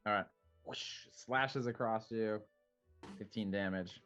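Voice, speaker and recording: A man with a fairly low voice plays a tabletop role-playing game. He describes the action informally and haltingly. The mic is dull and faint music sits behind him. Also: a bit bright. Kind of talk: improvised tabletop game narration.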